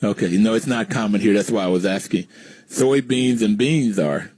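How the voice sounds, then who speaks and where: An American man from West Virginia hosts a conversational radio interview, asking questions and explaining points to listeners. His voice is fairly low and a little mellow, at a normal speed, in a dry recording.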